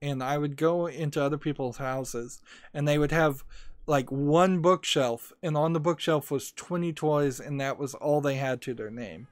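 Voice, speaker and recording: In casual gaming commentary, a young man with a fairly high voice talks at a moderate pace over a card game stream, opinionated and rambling, full of filler and restarts as he reads out chat. There's no room sound.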